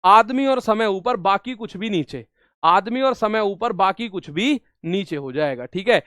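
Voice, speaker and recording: A man's voice: high-pitched, animated, measured pace, a bit bright, no room sound, studio quality. A man teaching an exam-prep maths lesson, repeating each step and coaxing his students along. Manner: repetitive, coaxing, addresses students as brother.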